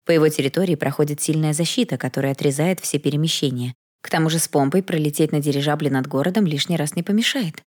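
A woman narrating a novel as an audiobook in an even storytelling manner. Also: low voice, fast, few pauses. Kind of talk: scripted narration.

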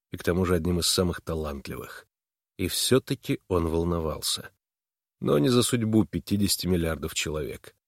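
Low-voiced man reading a novel aloud. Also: no room sound, studio quality. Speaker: audiobook reader. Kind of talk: scripted narration.

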